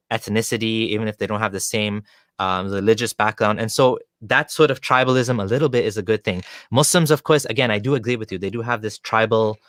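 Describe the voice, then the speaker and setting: Chatty male host with a bright, dry voice. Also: on the low side, no echo. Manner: discursive, leans on "you know" and "like", argues points at length. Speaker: interview host. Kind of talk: conversational interview.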